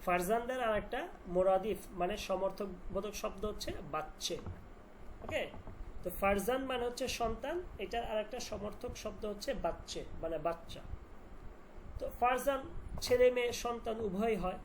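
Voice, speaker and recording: Man drilling vocabulary slowly, faint noise. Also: sits high. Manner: repeats words and drills meanings with questions. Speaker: Farsi language teacher. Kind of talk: online language class.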